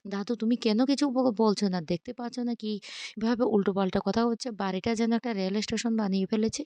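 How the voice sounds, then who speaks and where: A woman voicing a defiant young woman in a story recap, sharp and insistent. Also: mid-range voice, steady tone, quick pace, dry recording, natural voice.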